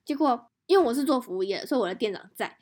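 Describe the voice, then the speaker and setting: Female podcast host, slightly high-pitched, animated casual storyteller. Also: quick pace. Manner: animated storytelling with restarts and laughter.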